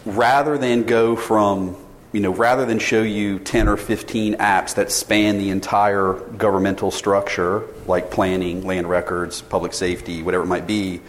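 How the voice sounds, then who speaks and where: At a normal speed and with few pauses, a man in his forties delivers a casual conference talk in a lowish voice with little pitch variation. He is a sales director who keeps polling the audience and often begins his sentences again. His tethered mic adds a little hiss or hum, and the session room is reverberant with faint ambience.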